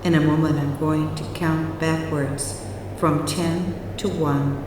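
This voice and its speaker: Slow, soothing low-voiced woman counting down. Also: steady tone, noisy background. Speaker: hypnotherapy guide. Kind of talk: guided hypnosis meditation narration. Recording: very echoey, long reverb, distant. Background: music.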